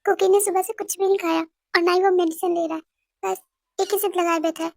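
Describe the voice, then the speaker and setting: A woman's voice: very high voice, steady tone, brisk, darkish tone, no room sound, studio quality. A woman voicing an anxious middle-aged mother who pleads with her son. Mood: worried.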